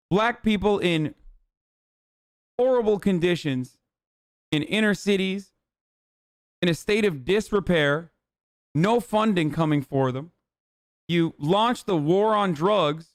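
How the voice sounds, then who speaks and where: A man's voice: high voice, no room sound, clean studio sound. A male livestream host on a heated, profane rant, talking angrily and with heavy emphasis.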